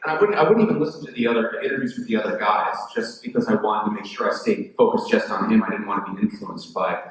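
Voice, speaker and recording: A man answering questions as an actor on a panel, chatty and relaxed, with many fillers and restarts. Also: lowish voice, fast. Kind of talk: conversational Q&A answers. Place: large echoey school hall. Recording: echoey hall from far off.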